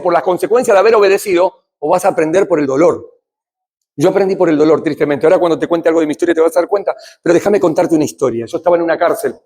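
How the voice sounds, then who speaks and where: Middle-aged man, Rioplatense Spanish accent, high husky voice, conversational church talk on recovery. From Argentina. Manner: conversational, asks the audience questions, swings between loud and hushed. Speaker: addiction recovery speaker.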